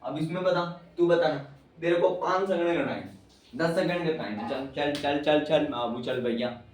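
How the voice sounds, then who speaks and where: A man's voice: on the high side, normal speed. A man teaching chemistry at a whiteboard in a casual, teasing way, talking straight to his student. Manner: chatty, teasing, addresses student as bhai. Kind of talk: informal whiteboard lecture. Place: classroom with whiteboard. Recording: very echoey room, mic far off, faint noise.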